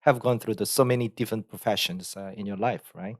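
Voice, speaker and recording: A man's voice: lowish voice, steady tone, a little fast, no room sound, studio quality. A man hosting an interview, asking polite, brief questions with some restarts. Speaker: interview host.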